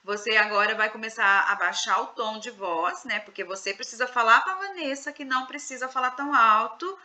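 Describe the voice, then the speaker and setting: A woman's voice: a little high, a little fast, sharp tone. A Brazilian woman, a psychoanalyst, leading a casual women's group discussion online, asking questions and coaxing others to speak.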